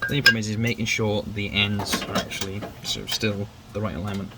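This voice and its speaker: A man's voice: on the low side, little pitch movement, fast talker, noisy background. A man doing a casual, self-deprecating how-to narration while working on his car in a garage. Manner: chatty, self-deprecating, rambling. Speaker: car build vlogger. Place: garage workshop.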